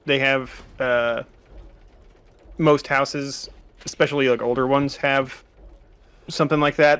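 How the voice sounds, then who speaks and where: A man from California in his thirties talks at a middle pitch, easygoing and talkative. He stretches his explanations out with "like" and "uh" as he chats beside a game. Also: a bit bright. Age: 30s. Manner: chatty, explains at length with fillers. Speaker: let's play co-host. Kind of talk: casual gameplay chat.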